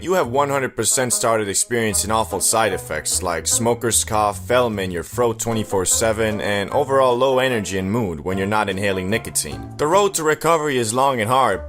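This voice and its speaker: A man's voice: medium pitch, a bit bright. A man narrating as a YouTuber in a comedic storytelling style, with casual, slangy, joking delivery.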